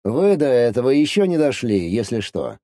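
A composed, secretive man, as a male reader plays him, speaking calmly and a bit condescendingly, as an adult speaks to a child. His mellow, darker voice moves with lively pitch but stays controlled, recorded dry and close. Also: no room sound. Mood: matter-of-fact. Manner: calm, measured, condescending. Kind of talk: audiobook dialogue reading.

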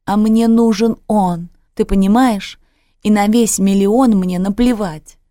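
A woman reading a story, voicing a bitter young adult daughter who speaks in a slow, scornful hiss. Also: fairly low pitch, dark tone, no echo, clean studio sound, lightly acted. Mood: shouting. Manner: slow hissing whisper, scornful.

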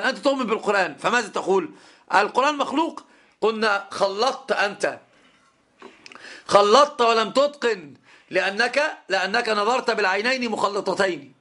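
High-voiced sheikh teaching emphatically. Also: male voice, sharp tone. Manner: emphatic, repeats key phrases, slows to stress points. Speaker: Islamic scholar teaching a lesson. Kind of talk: classroom lecture on legal theory.

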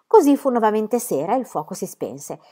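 A woman reading a children's book aloud in an expressive storytelling way. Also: mid-range voice, a little fast. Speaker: reader.

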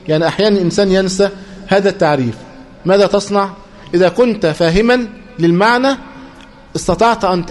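Egyptian male teacher, high-pitched, drills students with prompting questions. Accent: Egyptian Arabic. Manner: repetitive, prompts students to finish sentences. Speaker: teacher of hadith terminology. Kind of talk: classroom lecture with call-and-response questions.

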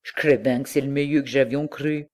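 Sharp-tongued country wife, rustic dialect, quick chiding delivery, as a male reader puts her on. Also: medium pitch, fairly even intonation, lightly acted. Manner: rustic dialect, rapid scolding. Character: scolding peasant wife, middle-aged, sharp-tongued.

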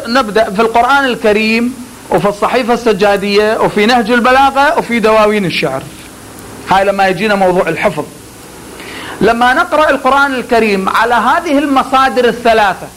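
A man's voice: very high voice, a bit bright, a little hiss or hum, poor audio. A man teaching pulpit oratory in a classroom lecture, drawing out words to demonstrate delivery and talking to his students with joking asides.

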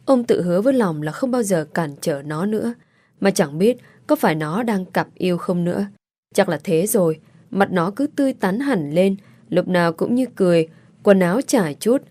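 Woman reading a story out loud, lowish voice, steady pace, dry close sound. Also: moderate pace, no room sound. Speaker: story narrator. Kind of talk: storybook narration.

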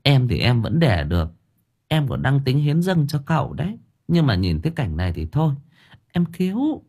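A man's voice: medium pitch, huge pitch swings, moderate pace, darkish tone, husky, voice pushed up, heavily acted. A man voicing a nosy middle-aged village woman gossiping with a sigh. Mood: gossipy.

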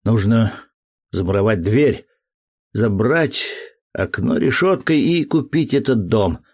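A man reading an audiobook, voicing an earnest, emotional young man deeply in love in a fervent, slow delivery. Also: animated, a little mellow, dry recording, clean studio sound.

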